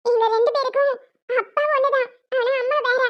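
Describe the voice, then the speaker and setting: A woman's voice: very high voice, steady tone, fairly quick. A woman voicing an earnest little boy who loyally pleads for his elder sister in a cartoon. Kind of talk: cartoon voice acting. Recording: dull lo-fi sound.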